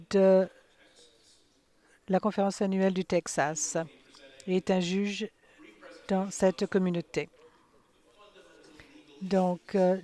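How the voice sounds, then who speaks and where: A woman giving live interpretation of a conference session, halting, with frequent fillers and self-corrections. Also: mid-range voice, warm tone. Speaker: simultaneous interpreter.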